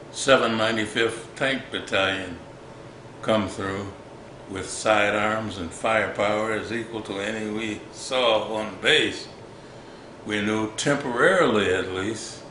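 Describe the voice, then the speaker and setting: An elderly man, a war veteran, recalling his service in an interview in a halting, reflective way with formal wording. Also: on the low side, bright, forceful tone. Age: 80s or older. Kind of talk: old veteran remembering, unscripted interview recollection. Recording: echoey room with background noise.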